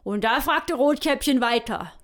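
A woman storyteller with a fairly high voice narrating a comic fairy tale. She is coarse and gruff, like an old sailor spinning a yarn. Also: a little slow.

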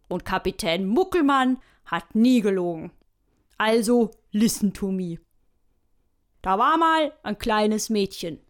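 A woman telling a bawdy comic fairy tale in a hearty, rambling, folksy yarn style. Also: mid-range voice. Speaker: storyteller.

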